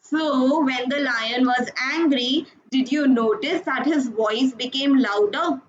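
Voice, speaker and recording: A woman's voice: high voice, slow pace. A woman teaching an online class for children, encouraging and coaxing them with frequent praise. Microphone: video call. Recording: dull video-call audio with noise.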